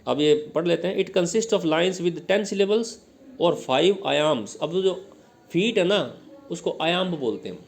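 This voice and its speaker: In this exam-prep lecture, a man teaches step by step, firing questions at his students and repeatedly checking "ठीक है?". He has a high-pitched, gravelly voice and takes his time, speaking with plenty of expression.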